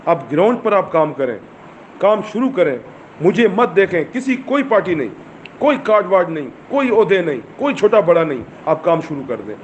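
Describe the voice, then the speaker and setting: A man's voice: high voice, big pitch swings, dull audio, slight background noise. A man with a Pakistani accent giving a fervent political speech, full of rhetorical questions, recorded while driving. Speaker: movement chairman.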